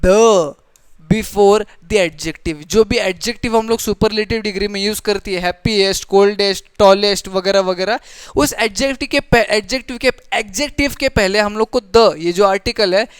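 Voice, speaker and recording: Patient smooth-voiced woman teacher. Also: medium pitch, moderate pace, no echo. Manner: patient, repeats points and checks understanding. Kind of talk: grammar lesson mixing Hindi and English.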